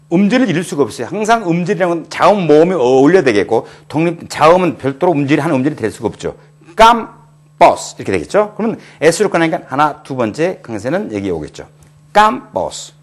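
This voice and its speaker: A middle-aged man teaching a recorded grammar lecture, explaining slowly and clearly and repeating example words with heavy stress. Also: a little high.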